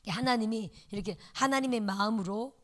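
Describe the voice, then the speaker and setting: A middle-aged woman pastor delivers a sermon lecture in a higher voice at a brisk pace. She tells stories animatedly, sprinkling in playful sound words.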